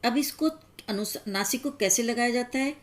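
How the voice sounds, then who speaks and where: A woman teacher giving a grammar lesson, explaining step by step and pausing on each example. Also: on the high side.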